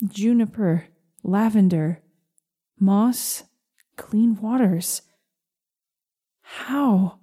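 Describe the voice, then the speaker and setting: A woman narrating a first-person story in a slow, gentle, measured reading. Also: mid-range voice.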